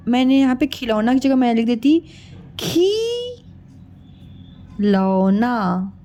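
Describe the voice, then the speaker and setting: A woman's voice: high voice, little pitch movement, dark tone. A woman teaching a children's spelling lesson, sounding out words syllable by syllable in a coaxing way. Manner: slow, drawn-out syllable-by-syllable teaching; coaxing, addresses listeners as children.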